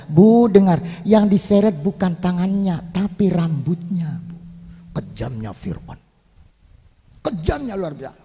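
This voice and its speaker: A male preacher telling a story at a live religious gathering, high-pitched and wildly animated as he swings his voice up and down. He jokes and calls out to the crowd directly. A long hall reverb trails every phrase. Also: husky. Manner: animated, joking, addresses audience directly.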